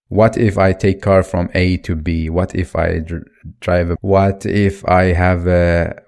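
An Iraqi man in his twenties runs a solo podcast, thinking aloud without a script and frequently restarting or using fillers. He speaks in a low voice with a dark tone.

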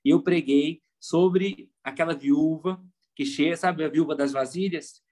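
A man with a Brazilian Portuguese accent, a pastor chatting casually on a podcast and telling lively stories. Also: a little high, measured pace. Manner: animated storyteller, acts out quoted voices.

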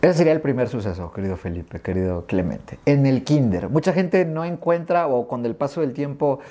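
A middle-aged man with a Mexican accent, a guest in an interview, animatedly tells childhood stories and acts out remembered dialogue. His voice is medium-pitched and fairly quick.

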